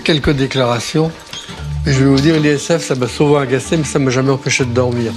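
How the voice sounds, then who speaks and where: Calm man interviewee in a TV report clip, plain mid voice, clear music underneath. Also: medium pitch, fast talker. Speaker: interviewed taxpayer.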